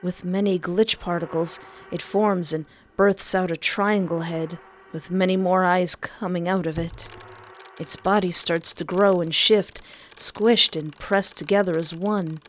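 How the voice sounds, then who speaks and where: A woman's voice: on the low side, steady tone, measured pace, slight background noise. A woman narrator reading a scripted second-person horror story.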